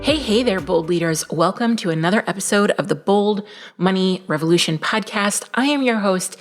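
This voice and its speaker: A woman hosting her own business podcast, talking in an energetic, straight-talking coaching manner, with a morning voice just after a workout. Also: medium pitch, moderate pace, faint music behind. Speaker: podcast host. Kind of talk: solo business podcast talk.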